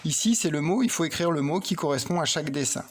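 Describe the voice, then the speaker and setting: A man's voice: on the high side, animated, quick pace, husky. A man teaching a child to read and write, patiently talking through each pen stroke and spelling words letter by letter. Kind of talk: slow handwriting and phonics lesson for children.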